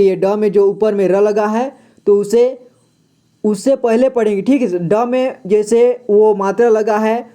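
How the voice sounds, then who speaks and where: A man's voice: sits high, mellow. A man teaching beginners to read Hindi, patiently sounding out each word letter by letter, then repeating it and asking the listener to say it back. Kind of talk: slow reading lesson for beginners.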